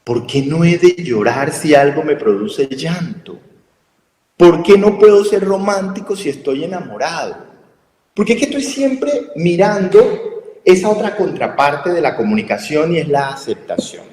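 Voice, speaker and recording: Man, Colombian Spanish accent, explanatory radio talk, rhetorical questions, animated intonation, echoey reverberant room. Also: fairly high pitch, normal speed. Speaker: health communication speaker.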